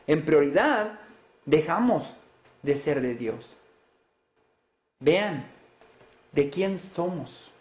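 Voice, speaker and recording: A man's voice: high voice, a little mellow, roomy sound. A man preaching a sermon, asking his listeners rhetorical questions and answering them with rising emphasis.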